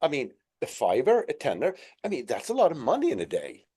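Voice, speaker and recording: A man hosting a business webinar over a video call, chatty and self-deprecating in a relaxed way. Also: on the high side, a little fast, breathy edge. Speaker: webinar host.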